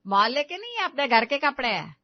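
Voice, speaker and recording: A woman's voice: sits high, big pitch swings, brisk, dry recording. Woman voicing a bossy scolding mother-in-law. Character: stern scheming middle-aged mother-in-law. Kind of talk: animated storybook voice acting. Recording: dull dry lo-fi audio.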